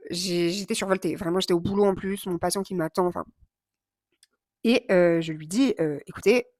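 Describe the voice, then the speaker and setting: Woman, 30s, fiery vlog storyteller, quick mimicry, dry close sound. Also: on the low side, no echo. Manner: animated, impulsive, swears and mimics others. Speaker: vlogger.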